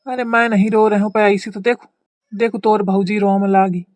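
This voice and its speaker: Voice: medium pitch, level tone, moderate pace, darkish tone, dry recording, natural voice. A performer voicing a naive, simple-minded young village man with a Kanpuri accent in a cartoon comedy. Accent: Kanpuri rural Hindi.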